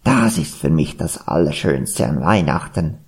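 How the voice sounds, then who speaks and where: A man voicing a greedy magpie in a told animal story, with a croaky, half-whispered voice. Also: rumbling low, expressive, a little slow, exaggerated voice. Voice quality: croaky, partly unvoiced.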